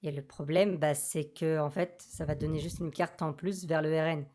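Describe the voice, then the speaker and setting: A man's voice: steady tone, moderate pace, a little mellow. A man speaking through a voice changer, patiently explaining a political programme point by point in a casual debate. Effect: voice changer, altered pitch. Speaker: political activist guest.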